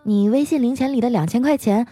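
A woman's voice: a little high, fairly quick, dark tone, dry recording, voice pushed up, lightly acted. A woman doing a bossy, sly young wife. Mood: teasing. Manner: sweetly commanding.

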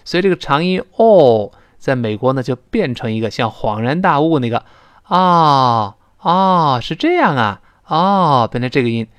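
A man teaching English pronunciation, explaining sounds step by step to listeners and drawing out example words slowly. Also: mid-range voice, expressive, dry recording.

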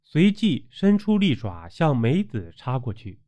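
A man's voice: mid-range voice, measured pace. A man narrating a dramatic ghost story, acting out the characters' voices as he goes. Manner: animated storytelling with acted voices.

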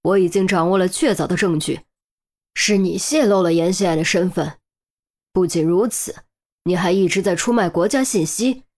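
A woman's voice: fairly low pitch, moderate pace, lightly acted. Woman voicing a shrewd male section chief. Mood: stern. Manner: sharp scolding, then teasing banter. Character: stern male section chief, scheming and wry.

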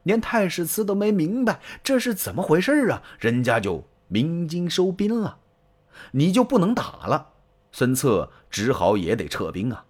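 A man performing a traditional pingshu story, animated and colloquial. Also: fairly high pitch, normal speed, few pauses.

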